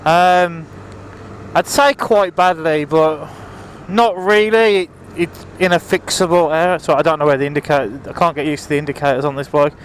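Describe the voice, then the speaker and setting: Man, high-pitched voice, casual motorbike vlog, rambling, apologetic, talking up over the engine, faint wind and engine noise on helmet mic. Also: moderate pace. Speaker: motorbike vlogger. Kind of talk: casual vlog chat to viewers while riding. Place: outdoors, riding a motorbike on the road. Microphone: helmet microphone, visor open. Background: motorbike engine, wind, traffic.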